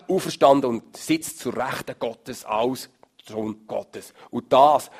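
A male preacher, giving an emphatic sermon that swings from loud stresses to low murmurs. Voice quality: gravelly, husky.

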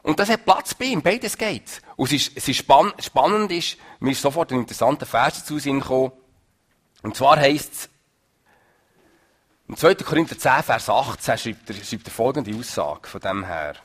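Husky preacher, lively and emphatic. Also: male voice, medium pitch, normal speed. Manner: lively, emphatic, swings from loud to soft. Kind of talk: sermon.

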